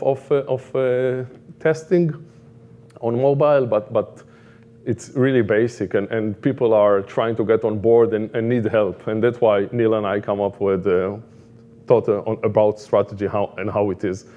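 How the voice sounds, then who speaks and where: Here a product management director, a middle-aged Israeli man with an accent, talks informally at a conference, repeating himself and leaning on fillers as he haltingly works out what to say. The audio is dull, and his lowish voice shows little pitch movement.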